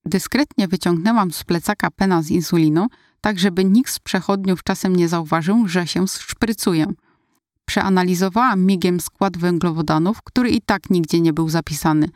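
A woman narrating a first-person story in a calm, confiding way. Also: fairly low pitch, moderate pace, no room sound, studio quality. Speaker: audiobook narrator.

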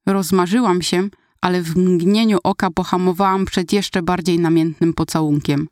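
A woman's voice: on the low side, fairly even intonation, moderate pace, a little mellow, no room sound, studio quality. A woman reading a first-person story aloud in a conversational, wry storytelling manner. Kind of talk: first-person audiobook narration.

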